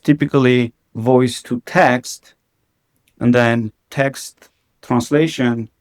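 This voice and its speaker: A man with a mid-range, steady voice takes it slowly as a guest on a podcast, where he's a company CEO speaking casually. His sentences are full of "like" and frequent restarts.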